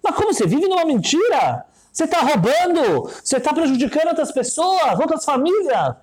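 An earnest, morally shocked young woman protests in a high, lively voice, as a man puts her on. She pleads and argues with rising urgency. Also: moderate pace. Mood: indignant.

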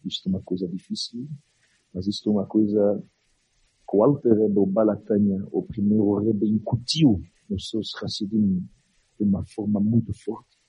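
Husky man preaching with a foreign accent. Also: on the low side, little pitch movement, dark tone, no room sound, dull audio. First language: not Portuguese. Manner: dramatic, emphatic, with pauses and repeated phrases. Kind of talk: religious storytelling sermon.

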